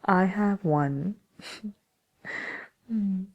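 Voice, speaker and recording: A woman voicing the smug, envious Wicked Witch in a soft ASMR roleplay, talking slyly and haughtily with hesitant pauses. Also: medium pitch, highs cut off. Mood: smug, chatty. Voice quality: breathy, creaky, often near whispering. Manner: sly, haughty, hesitant with many drawn-out pauses. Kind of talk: ASMR roleplay, soft-spoken chatty answers to listener questions.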